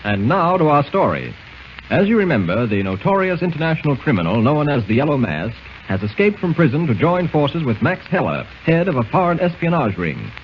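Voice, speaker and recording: A man narrating a 1940s radio serial in a measured storytelling way, heard through an old, dull, faintly hissy radio transcription. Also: a little high, very animated. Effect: old 1940s radio broadcast sound.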